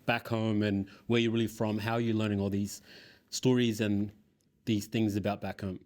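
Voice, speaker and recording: A man hosts a relaxed interview and responds encouragingly before asking his next question. His voice sits somewhat low for a man. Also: moderate pace. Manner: warmly encouraging, asks follow-up questions. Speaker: interview host. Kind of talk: casual interview.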